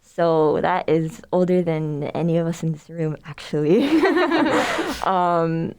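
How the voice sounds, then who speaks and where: This young woman, a Somali student club president, talks slowly in a low, clean-toned voice as a podcast guest. Her manner is relaxed and friendly, and her long, casual explanations are sprinkled with fillers. Others are in the room with her.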